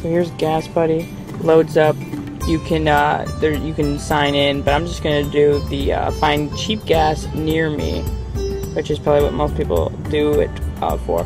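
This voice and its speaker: A man's voice: a little high, unhurried, over music. A young man casually showing phone apps from inside a car, rambling with lots of fillers. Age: young adult. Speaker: tech reviewer. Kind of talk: casual app demo vlog.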